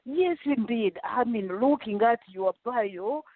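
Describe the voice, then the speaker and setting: Host: woman with a slightly high voice, slow and gushing, on a tinny phone line. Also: animated, no room sound. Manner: effusive, slow and affirming. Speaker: podcast host. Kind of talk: welcoming interview chat.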